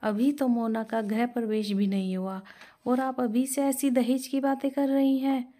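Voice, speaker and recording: A woman's voice: a little high, flat delivery, unhurried, mellow, voice pushed up, close to an everyday voice. A woman voicing a young husband who reproaches his mother over her talk of dowry. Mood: reproachful.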